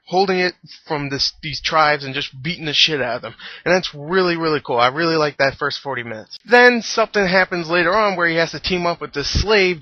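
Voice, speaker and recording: A man's voice: a little high, dry recording. A man giving a casual, rambling movie review, chuckling and restarting his sentences as he goes. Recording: dull lo-fi dry recording.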